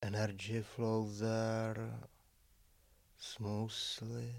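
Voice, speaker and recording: Speaking in a lowish register with vocal fry, a man guides listeners through a relaxation meditation. His instructions come calm and measured, in brief phrases separated by long silences, and the recording has no room sound.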